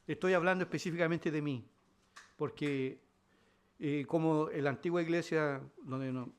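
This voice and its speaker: A man with a Chilean Spanish accent preaching a sermon as pastor, swinging between loud declarations and quiet asides. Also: on the high side, fairly even intonation, moderate pace, clear, resonant tone.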